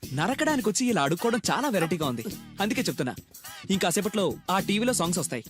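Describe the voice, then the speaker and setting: An actor playing a cheeky captive who answers his captor's threats with deadpan quips. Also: sits high, very fast, soft background music.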